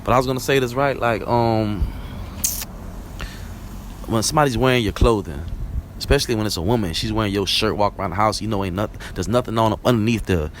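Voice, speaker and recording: A young man with a Barbadian accent talks solo on his vlog in a casual, meandering, conversational way, often dropping "you know what I'm saying?". His voice is lowish and fairly quick, with a bit of hiss or hum audible.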